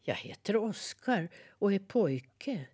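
A woman's voice: mid-range voice, sing-song, a little mellow, husky, voice pushed up. A woman voicing a curious, frightened little boy as she reads a storybook aloud, asking eager questions. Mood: earnest. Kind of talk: storybook reading.

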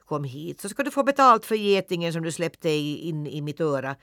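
A man's voice: high-pitched, smooth, no echo, studio quality, voice pushed up, natural voice. A man voicing a herd of angry farm cows, bellowing threats in a storybook reading. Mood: furious. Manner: loud, bellowing and scolding. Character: bossy male farm cows, angry and vengeful.

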